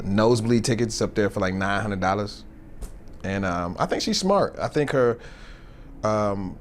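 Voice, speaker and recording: A man's voice: lowish voice, a little hiss or hum. A man hosting a casual comedic commentary show, rambling with slang and lots of fillers.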